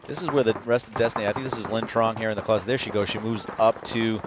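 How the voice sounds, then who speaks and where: A man with a fairly low voice gives calm, analytical play-by-play at a paintball match. He is recorded outdoors, with loud event noise all around. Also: fast talker. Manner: calm, analytical, recaps plays. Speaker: paintball commentator. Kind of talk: live play-by-play commentary.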